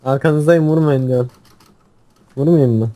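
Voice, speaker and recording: Young guy gaming, kinda high voice, yells quick orders, hums along, swears a lot. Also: fairly even intonation. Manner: gives quick commands, hums while playing, swears. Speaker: gamer. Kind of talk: casual gaming chat.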